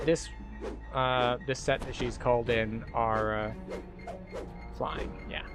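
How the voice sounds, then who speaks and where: A man's voice: mid-range voice, flat delivery, measured pace. Man, gameplay commentator, casual streamer talk, game music behind.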